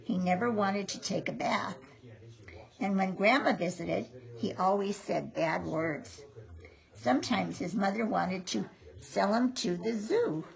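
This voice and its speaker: An older woman, a sweet, affectionate grandmother, reading a picture book aloud to a small child in an unhurried, homely way. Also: mid-range voice, creaky, poor audio. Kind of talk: homely storybook read-aloud with asides to a child.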